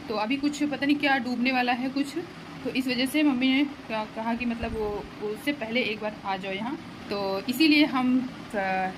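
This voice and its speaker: Give me a young woman chatting casually to her vlog audience at home, recorded on a phone with background noise. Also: a little high. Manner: chatty, pleading and laughing with family. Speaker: vlogger. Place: home, moving around while packing.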